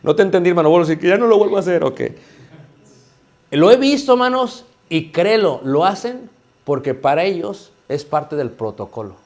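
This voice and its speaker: A man's voice: sits high, lively intonation, moderate pace, a little mellow. A man preaching a sermon in a conversational way, firing rhetorical questions at the congregation and calling them brothers. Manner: repeatedly addresses listeners as brothers.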